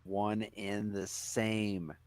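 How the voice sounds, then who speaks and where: A man co-hosting a casual podcast, earnest and preachy, sometimes rattling off words fast. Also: on the low side, flat delivery, darkish tone, clear, resonant tone, no room sound. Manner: earnest, preachy, talks about hidden truths, sometimes fast. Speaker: podcast co-host. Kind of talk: casual chat.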